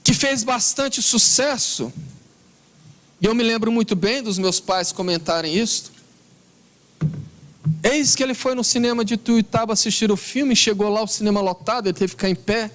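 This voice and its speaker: A man with a Brazilian Portuguese accent giving a spiritist lecture, telling a story in an earnest, emphatic way and slowing down on key words. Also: high voice, fairly bright tone.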